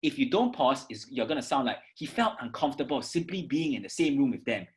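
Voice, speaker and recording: In a read-aloud lesson, a Singaporean teacher of English oral exams speaks with a medium, sing-song pitch. Her words are enunciated with deliberate emphasis, and her instructive manner includes frequent check-ins like "okay" and "right".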